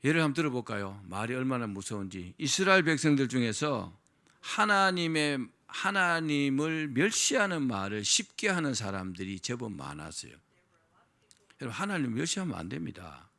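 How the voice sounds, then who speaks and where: A man's voice: medium pitch, big pitch swings, moderate pace, sharp tone. A man preaching a sermon as pastor, asking the congregation questions and having them repeat phrases after him.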